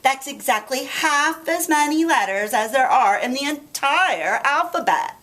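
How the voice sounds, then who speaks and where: A woman's voice: high voice, expressive, a little slow, fairly bright tone, pitched above the performer's own voice. A woman voicing a haughty know-it-all schoolgirl in a storybook, smug and emphatic. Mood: smug, mocking.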